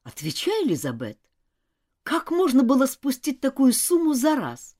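A woman's voice: medium pitch, wildly swooping pitch, normal speed, a little mellow. Woman reading as strict older schoolgirl, scolding, insistent questions, storybook. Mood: indignant.

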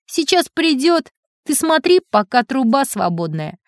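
A woman voicing a boastful, mocking schoolboy bully in a drawn-out, teasing manner. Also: sits high, very animated, no room sound, studio quality, pitched above the performer's own voice, full character voice. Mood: smug.

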